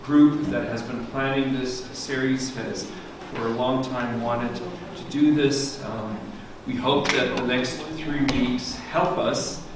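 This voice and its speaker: A man of middle pitch introduces a speaker, halting and filling pauses with ums. He sounds distant from the mic in a very echoey hall, with clear background noise. The whole sound is reverberant and a little muddy. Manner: hesitant, many ums. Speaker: event moderator. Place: church hall.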